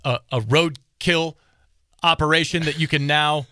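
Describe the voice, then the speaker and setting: An American man hosting a podcast in casual, upbeat chat, with an animated, excited delivery. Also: on the high side, a little slow, no echo, studio quality. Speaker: podcast host.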